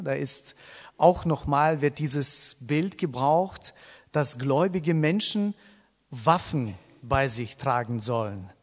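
Speaking to his congregation in a hall with long reverb, a man preaches haltingly, full of fillers and restarts, and puts questions to those listening. His voice is mid-range.

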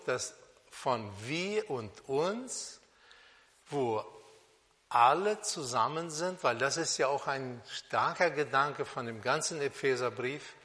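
A man preaching a sermon on a Bible passage, speaking slowly and deliberately with pauses and fillers, in a church hall. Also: medium pitch, bright, forceful tone. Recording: long reverb of a hall.

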